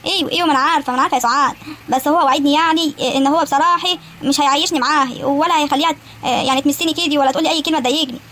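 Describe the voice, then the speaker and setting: A woman's voice: high-pitched, steady tone, rapid-fire, bright, forceful tone, a little hiss or hum. A woman with an Egyptian accent voicing a shy, frightened young village girl in a cartoon, hesitant and pleading. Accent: Egyptian Arabic. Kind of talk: animated cartoon acting.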